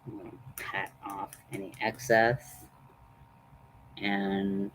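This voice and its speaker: A man with a slightly low voice hosts a casual makeup tutorial. He speaks very slowly, rambling and poking fun at himself. Faint noise sits behind his voice. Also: flat delivery, a bit bright, rough recording. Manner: rambling, self-deprecating. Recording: noticeable background noise.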